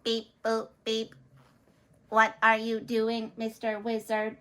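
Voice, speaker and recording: A woman voicing a male robot sidekick, speaking in a flat robotic monotone with beep-boop noises. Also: a little high, slow, pitched above the performer's own voice.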